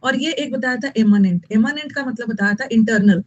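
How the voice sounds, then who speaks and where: A woman's voice: on the high side, moderate pace, muffled recording. Woman teaching vocabulary, repeating words. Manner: scolding, repeats key words, mixes English terms into Hindi. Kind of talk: online exam-prep lesson.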